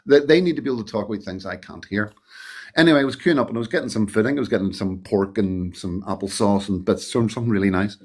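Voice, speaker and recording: Animated man telling stories. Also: fairly low pitch, quick pace. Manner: animated, swearing, acts out quoted voices. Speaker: interview guest, former extra. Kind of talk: casual storytelling.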